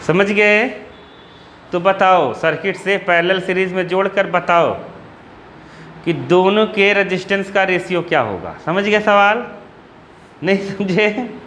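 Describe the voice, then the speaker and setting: A man's voice: sits high, animated, a little slow, fairly bright tone, slight background noise. A man with an Uttar Pradesh Hindi accent teaching physics to a class, asking again and again whether the students have understood. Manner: repeatedly checks if students understood. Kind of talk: classroom lecture.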